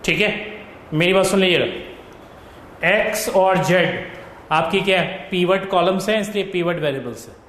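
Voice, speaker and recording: Guy teaching class, high voice, keeps dictating n checking in, roomy echo. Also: a bit bright. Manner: dictates slowly and checks with students. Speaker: economics tutor. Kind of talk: classroom lecture dictating notes. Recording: echoey classroom with faint noise.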